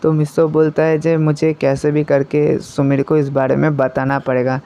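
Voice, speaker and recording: A man's voice: fairly high pitch, level tone, moderate pace, mellow, slight background noise. A young man casually narrating a fan-made story, rambling with restarts. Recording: muffled lo-fi recording.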